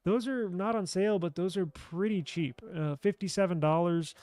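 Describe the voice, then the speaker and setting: A man hosting a tech show, casually walking through sale items with loose, excited talk, restarts and mild swearing, from a home studio desk mic. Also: sits high, normal speed, no room sound. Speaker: tech news host. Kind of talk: casual deal walkthrough. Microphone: desk microphone.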